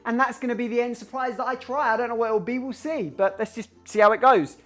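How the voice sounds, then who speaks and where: Young male vlogger; excitable, rambling, sweary home-video delivery. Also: extremely high pitch, quick pace. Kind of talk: casual vlog chat.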